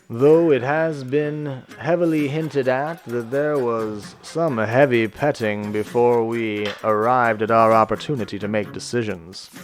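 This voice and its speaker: Slow, deliberate male game narrator. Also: medium pitch. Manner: measured, deliberate storytelling. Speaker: streamer reading an interactive fiction game. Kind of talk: dramatic reading of a text game.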